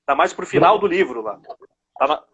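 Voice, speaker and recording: A man's voice: a little high, lively intonation, normal speed, a bit bright, breathy edge. A man interviewing an author over a video call, friendly and often repeating words and restarting sentences. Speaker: interviewer at a book launch.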